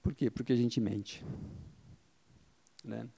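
A middle-aged man speaks at a slow pace with fairly even intonation, his medium-pitched voice creaky, mellow and husky on a rough recording. Holding a handheld microphone, he gives a marketing talk to a seated audience in an event hall. He explains his points, poses questions and answers them himself, and often tags sentences with "tá?"

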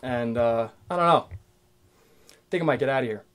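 A man's voice: medium pitch, normal speed, fairly bright tone. A man in his twenties hosting his own podcast, ranting casually alone, swearing often and rambling with many restarts. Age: 20s. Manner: profane, rambling, restarts a lot. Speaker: podcast host. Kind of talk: casual solo rant.

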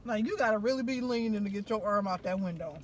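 A woman's voice: mid-range voice, fast, a little hiss or hum. A middle-aged woman hosting a casual eat-with-me chat from inside a car, talking in a slangy, chatty way. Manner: chatty, slangy, laughing wrap-up. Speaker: host.

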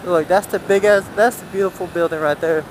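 This is a man with a high-pitched voice, brisk and steady in tone, against a noisy background. He's a motorcycle vlogger riding city streets outdoors, chatting casually and thinking out loud in a rambling way.

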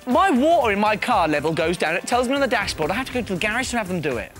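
A man's voice: high-pitched, very animated, racing, a bit bright, soft background music. A man in his thirties with a British accent, hosting a live TV quiz with casual, playfully incredulous banter. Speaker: live TV quiz show host. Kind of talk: casual, bantering chat with a caller. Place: TV studio set.

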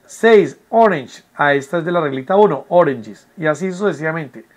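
In a recorded online class explanation, a man teaches English from his home with a fairly high, animated voice at a moderate pace. Patient and given to repetition, he keeps checking that his students understand.

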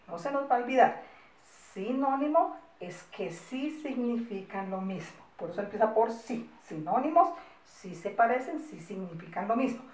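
A woman's voice: on the high side, recorded from a distance. A woman, a primary school teacher giving a recorded class to young children, dictating patiently with coaxing questions and many diminutives. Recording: echoey room, mic set back.

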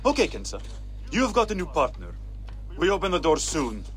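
An actor playing a jaded, mocking gladiator arena master in a video game, with a coarse, theatrical manner. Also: male voice, fairly high pitch, huge pitch swings, brisk, faint music behind. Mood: gruff, commanding.

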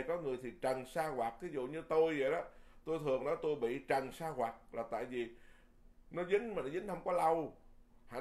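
A Buddhist monk with a mid-range voice gives a Dharma sermon in a lively, folksy style. He often repeats words and chuckles as he goes.

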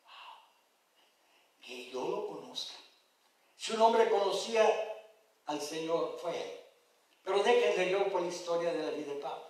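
A man's voice: sits high, expressive, measured pace, long pauses, heavy reverb. Pastor guy preaching hard, lots of questions to the crowd, mic far away, church rings a ton. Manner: impassioned preaching with questions to the congregation. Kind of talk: sermon. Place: church sanctuary.

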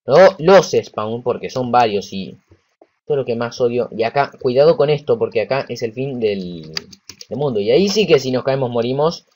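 A man with a Rioplatense Spanish accent gives casual let's-play commentary in an average-pitched voice. He talks excitedly to himself and to the game as he plays, and swears when frustrated. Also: moderate pace, dull audio, slight background noise. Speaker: gameplay commentator.

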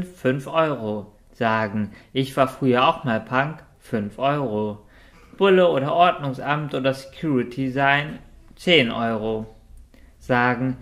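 A man's voice: mid-range voice, a bit bright. A man voicing a polite, quacking winged island gnome in a storybook reading.

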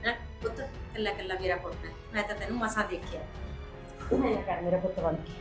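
An actress playing a worried middle-aged mother who pleads with her angry son and tries to calm him. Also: fairly high pitch, fast talker, echoey room, music in the background, natural voice. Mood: pleading. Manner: soothing, pleading.

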